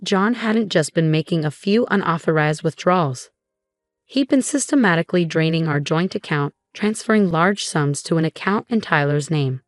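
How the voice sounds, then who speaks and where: A woman reading a first-person story as scripted narration, in a steady, measured way. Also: low voice, dry recording, studio quality, faint music behind.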